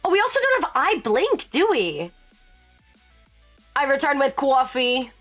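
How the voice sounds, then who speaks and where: A woman streaming live in casual chat. She answers chat as she works and jumps to sudden high exclamations. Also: very animated, a little slow, a bit bright, soft background music. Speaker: VTuber streamer.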